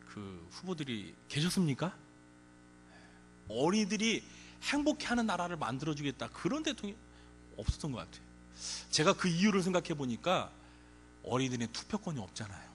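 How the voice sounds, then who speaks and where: Male pastor, animated sermon delivery, mid-pitched voice, playful asides with quoted voices, long hall reverb, faint music underneath. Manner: lively, acts out quoted parents and children, chuckles often. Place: large church hall.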